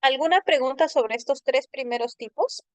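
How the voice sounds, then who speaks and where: Clear-voiced woman teaching a language class. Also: sits high, normal speed, darkish tone, no room sound. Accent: Peruvian Spanish. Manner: patient, explanatory, checks in with students. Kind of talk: online class lecture.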